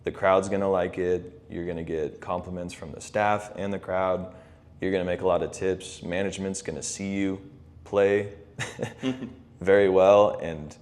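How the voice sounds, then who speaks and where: Very low-voiced young man hosting a chat. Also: normal speed. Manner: relaxed, many fillers and laughs. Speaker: podcast host. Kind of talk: casual interview chat.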